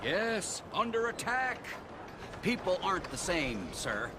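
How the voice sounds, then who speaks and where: An actor playing a pompous, indignant stranger who lectures and scorns in a video game. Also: male voice, sits high, big pitch swings, slow pace, full character voice. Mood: earnest. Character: pompous bigoted middle-aged man, ranting stranger. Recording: loud background noise.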